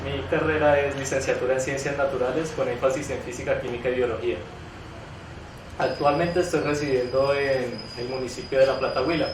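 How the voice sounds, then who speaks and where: A young man in his twenties introduces himself casually for a documentary, correcting himself as he goes. He sits away from the mic in an echoey room. Clear background noise runs underneath. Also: medium pitch, fairly even intonation, a little fast. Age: 20s. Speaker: university student. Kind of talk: documentary interview. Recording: echoey, distant mic, noisy.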